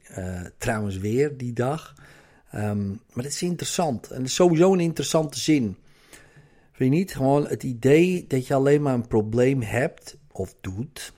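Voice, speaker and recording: Male trainer, mid-pitched voice, chatty and explanatory, self-help talk. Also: dark tone. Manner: conversational, explanatory, many fillers and rhetorical questions. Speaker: trainer or coach. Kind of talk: motivational monologue.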